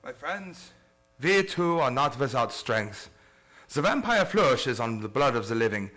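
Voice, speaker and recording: A man acting Van Helsing, forceful, solemn vampire hunter. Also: medium pitch, very animated. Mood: grave, resolute. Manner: solemn, formal, deliberate oratory. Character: grave, learned older male vampire-hunting professor. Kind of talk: old-time radio play acting.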